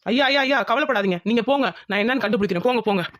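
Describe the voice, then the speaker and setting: A performer voicing a determined male police inspector in a cartoon drama, giving brisk commands. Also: mid-range voice, a bit bright, lightly acted. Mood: resolute. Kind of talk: Tamil cartoon drama voice acting.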